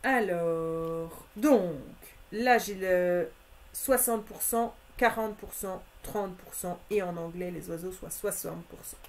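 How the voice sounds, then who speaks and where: This woman has a lowish voice and talks at a slow pace, with a little hiss or hum in the recording. She's selling craft items on a live stream, steadily listing discounts and prices and talking to viewers like friends.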